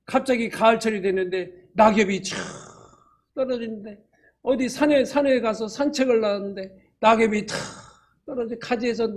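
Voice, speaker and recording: A man's voice: high voice, normal speed. A man, a church elder, preaching emphatically and firing rhetorical questions at the congregation. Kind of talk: sermon.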